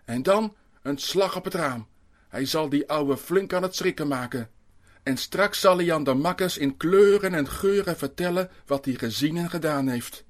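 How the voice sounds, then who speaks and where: Expressive man reading a children's story. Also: fairly high pitch. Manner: expressive, suspenseful reading with dramatic pauses. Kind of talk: scripted narration of a children's story.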